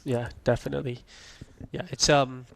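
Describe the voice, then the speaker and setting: A young man from Malaysia, hosting a podcast, telling a story in a relaxed way and asking "right?" often. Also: mid-range voice, normal speed, gravelly. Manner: storytelling, laid-back, peppered with "like" and "right?". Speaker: podcast host. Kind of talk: casual podcast chat.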